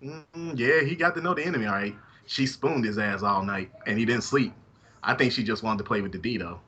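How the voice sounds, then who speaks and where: A man's voice: fairly low pitch, a little fast, pushed and bright, a little hiss or hum. A man from Alabama co-hosting a casual fan podcast, with crude, teasing banter. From Alabama, United States. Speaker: podcast co-host. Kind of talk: casual fan podcast chat, reading listener messages.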